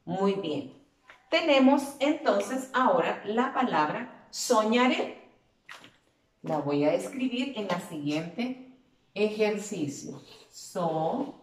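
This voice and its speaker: A woman's voice: mid-range voice, lively intonation. A woman teacher giving a spelling lesson to children, patiently drawing out and repeating words as she explains. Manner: patient, drawn-out repetition of words. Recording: echoey room.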